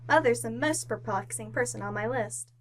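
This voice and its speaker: A woman's voice: a little high, normal speed, a little hiss or hum, close to an everyday voice. A woman playing an eager, earnest young niece confiding in her aunt in an old-time radio commercial.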